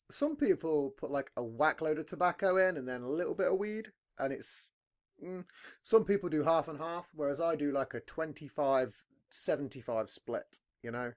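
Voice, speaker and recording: A young British man chats on his podcast, rambling and swearing freely with an animated, sing-song delivery. His voice sits a little high for a man. He talks into a headset mic in a dim room at home. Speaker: podcast host. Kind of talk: casual chat.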